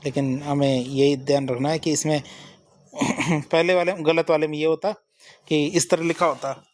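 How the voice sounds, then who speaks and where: A man's voice: a little high, little pitch movement, unhurried. A man teaching a spelling lesson for exam students, asking each question and answering it himself. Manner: drills with repeated question-and-answer. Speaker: Hindi exam tutor.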